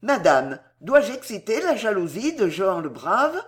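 A woman's voice: medium pitch, very animated, measured pace. A woman voicing a cold, scheming female royal confidante in a read-aloud historical novel, icy and cuttingly polite.

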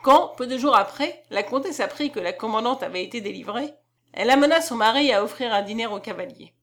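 A woman's voice: a little high, animated, brisk, a bit bright. Woman narrating a classic novel. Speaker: audiobook narrator. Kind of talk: scripted literary narration.

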